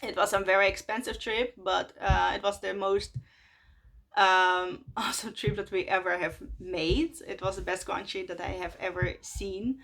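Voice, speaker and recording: A Russian woman in her twenties, a native Russian speaker, chats casually in English to her vlog audience on camera, using lots of fillers and soft laughs between phrases. Her voice is medium-pitched and gravelly, with a steady tone and moderate pace.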